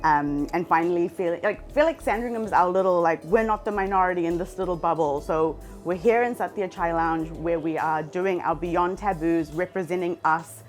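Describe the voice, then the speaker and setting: A woman's voice: lowish voice, normal speed, few pauses. Eager woman in her thirties. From South Africa. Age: 30s. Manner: eager, full of "like" fillers. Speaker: exhibition founder and director. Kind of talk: interview. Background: music.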